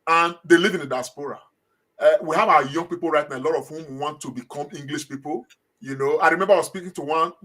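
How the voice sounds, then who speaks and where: A Nigerian-accented guest, middle-aged and from Edo State, responds to interview questions in a high, fairly bright voice. He hesitates a lot, says uh often and repeats words.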